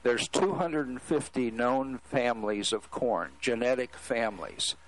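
A man speaking as a talk show guest, earnestly expounding his beliefs in a deliberate way with pauses mid-sentence. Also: medium pitch, low-quality recording. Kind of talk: earnest religious exposition.

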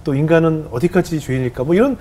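A man's voice: a little high, animated, quick pace, dark tone, a little hiss or hum. A man hosting an interview, asking reflective questions and giving frequent short acknowledgements. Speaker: host. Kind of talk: talk show interviewing.

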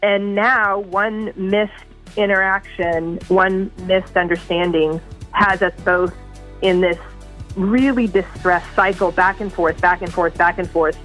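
A woman guest on a marriage podcast, telling a story in a lively way and acting out her own lines. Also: mid-range voice, takes it slowly, faint music behind, low-quality recording. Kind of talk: casual podcast conversation.

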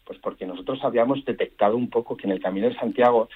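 Guy calling in, tinny phone line, husky low voice, keeps restarting. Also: racing. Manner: enthusiastic, rambling, many restarts. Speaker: guest, entrepreneur. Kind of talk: radio interview on phone line.

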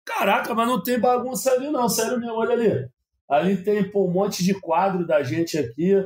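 Chatty, rambling man, higher voice, coughing, dry throat, restarts a lot. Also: brisk. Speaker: sports reporter. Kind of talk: casual podcast chat.

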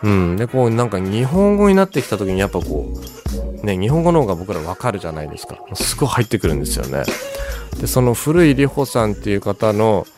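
Chatty low-voiced man hosting music radio. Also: sing-song. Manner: chatty, enthusiastic, many fillers and pauses. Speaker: radio show host introducing songs. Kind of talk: casual music radio talk.

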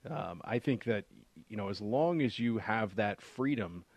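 A man's voice: fairly low pitch, lively intonation, a little slow, no echo. A man giving a conversational explanation as a financial adviser on a radio show, using rhetorical questions and repetition for emphasis.

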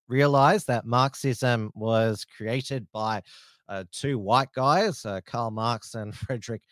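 Male political commentator, informal and hesitant, mid-pitched voice, dry recording. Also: no room sound. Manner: halting, hesitant delivery.

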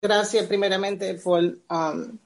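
A middle-aged woman speaking as an interview guest, slow, halting and reflective. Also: mid-range voice, steady tone. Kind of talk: conversational interview.

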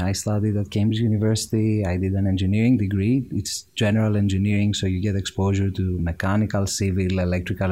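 Guy in his 30s, lowish mellow voice, explains things slowly with lots of ums and restarts. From Greece. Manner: measured, explanatory, with frequent fillers and restarts. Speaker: guest, machine learning engineer. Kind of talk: conversational interview answers.

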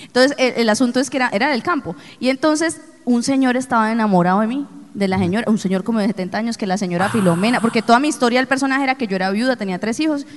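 A woman's voice: fairly high pitch, racing, few pauses. A Colombian woman in her forties, talking candidly in a casual chat. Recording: reverberant room.

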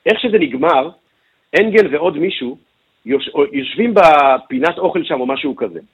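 Husky man briefing on the radio. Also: fairly high pitch, animated, muffled recording. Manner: detailed explanatory recounting with filler sounds. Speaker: news correspondent.

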